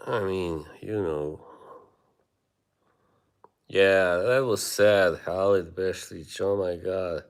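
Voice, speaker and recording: A man from Bosnia, speaking with a Bosnian accent in a low-pitched, clear, resonant voice, chats casually with viewers on a live stream, rambling and halting with many fillers.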